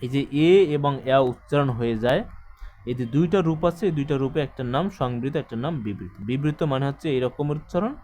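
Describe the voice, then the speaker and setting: A man's voice: medium pitch, fast talker, a little mellow. Man teaching a grammar lesson. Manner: explains step by step, repeats points, asks the class questions. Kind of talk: exam-prep grammar lecture.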